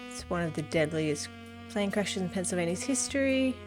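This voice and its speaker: Casting note: self-deprecating woman doing casual game commentary, lowish voice, guitar music behind. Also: animated, moderate pace. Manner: chatty, self-deprecating, reads game text aloud. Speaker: gaming channel host. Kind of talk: casual let's-play commentary.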